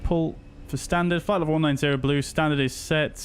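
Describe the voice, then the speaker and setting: A man flying as a pilot, making crisp cockpit callouts and radio readbacks on a headset. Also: on the high side, steady tone, a little fast. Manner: crisp, clipped checklist callouts. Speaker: flight sim streamer flying as pilot.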